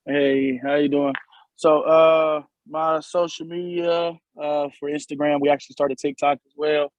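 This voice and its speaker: A man from a community group speaking casually on a panel, relaxed and hesitant. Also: fairly high pitch, unhurried, no room sound, dull audio. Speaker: community organizer.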